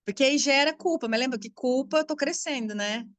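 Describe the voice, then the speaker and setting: A Brazilian woman, a spiritual coach, talking casually and frankly to her audience, lively and blunt, laughing now and then. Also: sits high, fairly quick, no room sound. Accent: Brazilian Portuguese. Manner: animated, frank, swears freely, laughs often. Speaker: spiritual coach teaching astrology. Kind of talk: casual spoken talk to an audience.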